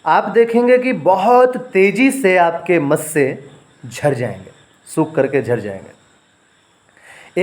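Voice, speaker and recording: A man teaching home remedies, dictating ingredient lists slowly and repeating and spelling out words for listeners to write down. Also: a little high, darkish tone. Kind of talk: instructional home-remedy talk.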